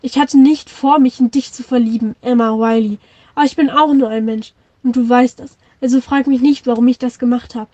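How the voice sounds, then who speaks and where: A woman's voice: on the high side, steady tone, fairly quick, mellow, dry recording, muffled recording, natural voice. A woman reading the lines of a heated young man confronting a friend, in her own voice without changing it. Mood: angry pleading.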